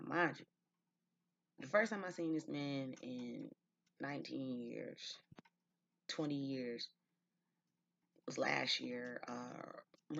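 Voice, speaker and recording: A man's voice: medium pitch, creaky, a bit bright, no room sound. A man in his thirties telling a personal story in a casual, chatty way, full of "like" and "y'all". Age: 30s. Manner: chatty, fills speech with "like" and "y'all". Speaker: vlogger. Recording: dull lo-fi dry sound.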